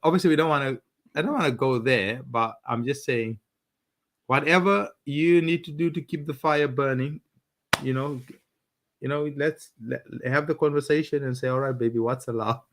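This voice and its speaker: A man co-hosting a casual live chat about marriage with his wife, speaking in halting, restarting phrases and laughing often. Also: on the high side. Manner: halting, many restarts, chuckling. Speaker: co-host of a couple's live talk.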